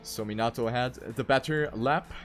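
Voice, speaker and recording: Over soft background music, an esports race commentator with a fairly bright, mid-range voice gives play-by-play of a racing game at a normal speed. He leans on repeated phrases to drive his points home.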